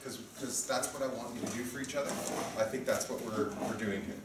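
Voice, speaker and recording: In an echoey room recording that sounds distant and noisy, a sparring event organizer and referee in his fifties briefs a group informally on coaching. He speaks quickly at medium pitch and keeps checking in with brief tag questions.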